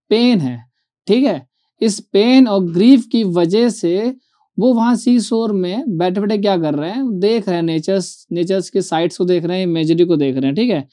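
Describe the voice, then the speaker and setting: A man teaches a poetry lesson in a mellow, warm voice. He stretches out each quoted verse line slowly and keeps pausing to ask his students whether it is clear. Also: high voice. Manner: keeps asking if students follow, reads verse lines slowly. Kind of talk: online poetry lecture.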